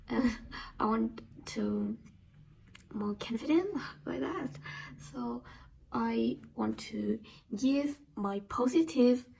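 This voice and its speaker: A young woman from Vietnam talking in simple, halting English with a Vietnamese accent, half-whispered, as a casual vlogger. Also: on the high side, gravelly, dark tone, slight background noise, rough recording. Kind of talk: casual vlog talk.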